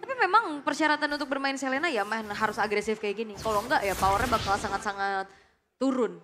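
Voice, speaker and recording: A woman's voice: a little high, quick pace. A woman with an Indonesian accent giving live esports commentary and analysis. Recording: loud music behind the voice. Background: music.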